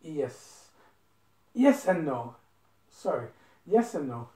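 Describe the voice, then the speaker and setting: A man's voice: on the high side, big pitch swings, slow, warm tone. A young man from Belgium in his twenties, answering interview questions in an earnest, casual way and repeating points for emphasis. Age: 20s. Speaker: interview guest. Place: living room indoors. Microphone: phone camera across a table. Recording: roomy, from a distance.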